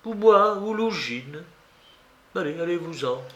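Feverish young man, loud and insistent, roomy echo, a male narrator doing the voice. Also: a little high, animated, a little slow, a little hiss or hum. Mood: commanding. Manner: urgent and commanding. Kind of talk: audiobook character reading. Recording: roomy recording.

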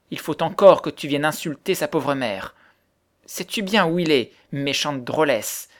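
A man's voice: medium pitch, lightly acted. Brief: a man playing a fierce grieving widow, harsh and accusing, in a storybook reading. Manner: harsh, accusing, later softening into sobs.

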